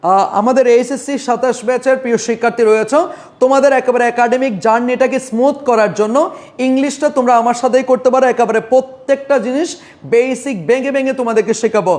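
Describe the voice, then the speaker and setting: High-voiced Bangladeshi male English teacher. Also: steady tone, a little mellow. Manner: repeats key points and asks questions then answers them himself; slows down and stretches English example words. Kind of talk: live online grammar lesson.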